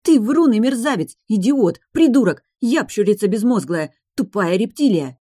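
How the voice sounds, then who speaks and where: A woman voicing a fiery, quick-tempered young firebird maiden in an audiobook reading, with shrill scolding outbursts. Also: expressive, dark tone, no echo, clean studio sound, close to an everyday voice. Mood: furious.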